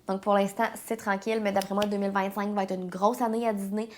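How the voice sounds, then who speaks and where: A woman's voice: medium pitch, little pitch movement, quick pace, a little hiss or hum. A woman with a Quebec French accent hosting a casual news vlog, sounding nasal and stuffed up with a head cold, speaking informally and hesitantly. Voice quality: nasal, congested. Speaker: host of a weekly theme park news vlog. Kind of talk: casual news update to viewers.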